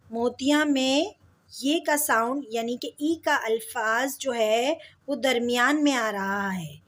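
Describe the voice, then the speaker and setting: A woman teaching a slow alphabet lesson, patiently stretching out each example word for her pupils. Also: high-pitched. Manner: patient, drawn-out words for pupils. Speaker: Urdu teacher.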